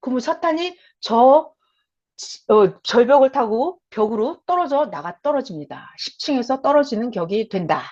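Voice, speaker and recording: A woman's voice: a little high, animated, moderate pace, darkish tone. A woman preaching a sermon emphatically, calling out prayers with force. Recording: dull lo-fi sound with faint music.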